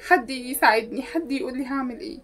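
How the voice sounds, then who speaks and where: A woman's voice: sits high, fast talker, natural voice. Woman doing a whiny panicked Egyptian schoolgirl. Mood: pleading. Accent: Egyptian Arabic. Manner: whining, pleading.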